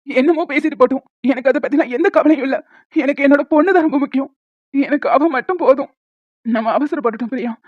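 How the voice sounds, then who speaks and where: A sorrowful young father, voiced by a woman, quick and high for a man. He sounds heavy and resigned. The audio is dry and a little dull, with faint music underneath. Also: dry recording, close to an everyday voice. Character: grieving young father, devoted to his daughter.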